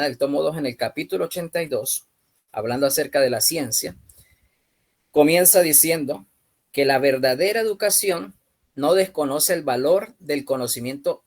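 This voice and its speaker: Venezuelan man teaching an online class. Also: medium pitch. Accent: Venezuelan Spanish. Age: 30s. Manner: measured, with frequent hesitant fillers. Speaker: youth ministry instructor.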